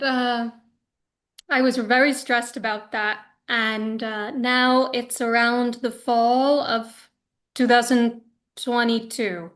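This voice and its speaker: A woman's voice: on the high side, fairly bright tone. A woman in her thirties giving a personal spiritual testimony as an interview guest, telling her story in an earnest, chatty way with plenty of fillers and restarts. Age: 30s.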